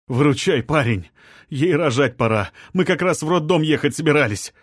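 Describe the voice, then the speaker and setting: A man's voice: medium pitch, expressive, moderate pace, breathy edge, no echo, clean studio sound. A man voicing a desperate young husband who begs a stranger for help, his voice strained and rising. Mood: desperate pleading.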